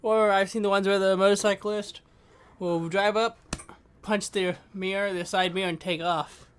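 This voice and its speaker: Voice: mid-range voice, fairly even intonation, moderate pace, slight background noise. A speaker in casual chat, chiming in and eagerly recounting things they have seen.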